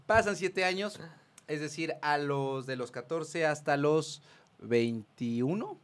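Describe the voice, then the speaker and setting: A man with a Mexican accent hosting a podcast interview, teasing his guest with quick jokes. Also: a little high, expressive. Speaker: podcast host.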